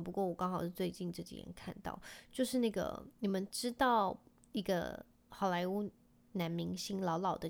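A woman's voice: mid-range voice, gravelly. A woman in her thirties with a Taiwanese Mandarin accent, chatting casually and rambling with many fillers as a podcast host. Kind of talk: casual solo chat.

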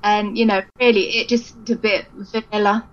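A woman's voice: mid-range voice, flat delivery, normal speed. Lady calling in, muffled phone line cutting in and out, chatty and candid. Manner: chatty, frank, laughs easily. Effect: dull phone line that fades in and out. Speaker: musician guest. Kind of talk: phone interview.

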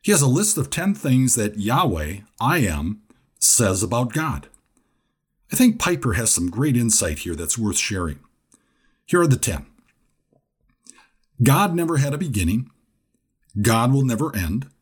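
A man with a slightly husky voice delivers a scripted Bible lesson. His pitch rises and falls in a lively way as he explains each point earnestly, often repeating the key ideas. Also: measured pace, long pauses. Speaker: Bible teacher.

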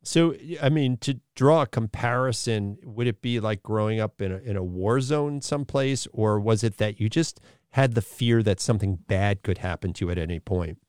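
A man hosting a podcast, reading a scripted introduction and then asking a guest questions in an earnest, measured way. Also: lowish voice, a little mellow, clear, resonant tone, no room sound, studio quality. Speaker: podcast host.

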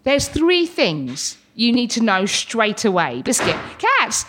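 Against a noisy background, this British woman in her 30s speaks slowly in a fairly high voice with huge pitch swings. She is telling a funny story live to an audience in a playful way, her speech often interrupted by involuntary verbal tics.

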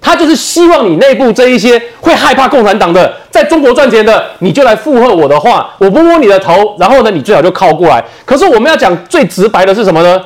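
A man with a Taiwanese Mandarin accent holds forth on a televised political panel. His voice sits high and swings widely, and he drives his argument hard with rhetorical questions. He talks fast. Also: very animated. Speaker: political commentator guest. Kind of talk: heated political talk show debate.

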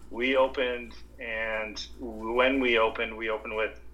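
Halting, flat-voiced man telling his story. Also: medium pitch, low-quality recording. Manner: halting, many restarts and repeated words. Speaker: restaurant owner, guest. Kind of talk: casual interview storytelling.

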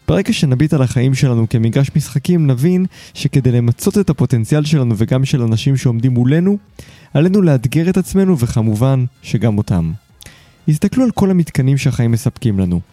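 A man hosting a podcast, reading a scripted intro in a measured, explanatory way and chatting casually with his guest. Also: medium pitch, warm tone, dry recording. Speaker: podcast host.

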